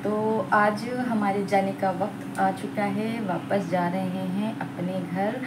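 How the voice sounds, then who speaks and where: A woman's voice: mid-range voice, flat delivery, slow, very noisy. Chatty woman vlogging in Hindi-Urdu. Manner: chatty, homely, addresses viewers directly. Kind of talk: casual vlog narration.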